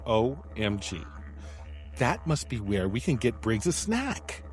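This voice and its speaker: Theatrical woman with a very lively voice. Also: extremely low pitch, slow, soft background music. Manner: dramatic, theatrical, swings between deadpan and excited. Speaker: audio drama lead. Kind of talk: scripted audio drama acting.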